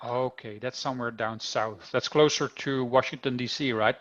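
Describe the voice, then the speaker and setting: His mid-range voice stays steady at a normal speed, a touch bright, as the Dutch-accented man from the Netherlands chats cheerfully with children during a video-call coding class, addressing them directly. There's no echo, but the highs are cut off.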